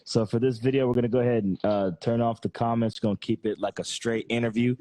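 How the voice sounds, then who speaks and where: A man's voice: medium pitch, fairly even intonation, fast, dark tone, no echo. A man from Texas hosting a casual podcast interview, laid-back and friendly with lots of filler phrases. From Texas, United States. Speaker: podcast host.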